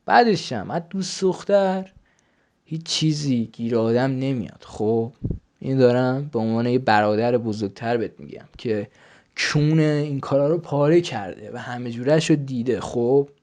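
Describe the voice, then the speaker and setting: A man's voice: mid-range voice, darkish tone. A man chatting with strangers on a video-chat site, crude and teasing, often swearing and slipping into a coaxing older-brother tone. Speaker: YouTuber chatting with strangers online.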